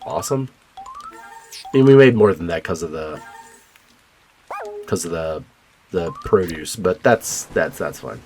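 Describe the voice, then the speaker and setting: A man hosting a let's play, chatting casually and haltingly with lots of fillers and restarts, offhand and a bit profane. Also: low voice, animated, darkish tone, soft background music. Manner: rambling and hesitant, many fillers and restarts. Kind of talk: casual gameplay commentary.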